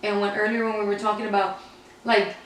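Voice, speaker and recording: A woman's voice: mid-range voice, flat delivery, a little fast. A woman co-hosting a casual, personal chat, telling things candidly in an anecdotal way. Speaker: podcast co-host. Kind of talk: casual personal faith conversation. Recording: very echoey room, distant mic, faint noise.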